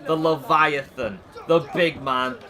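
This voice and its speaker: A man doing comedic, biased wrestling commentary, excitable and mock-outraged, often shouting. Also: a little high, slow. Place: wrestling event with live crowd. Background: crowd noise.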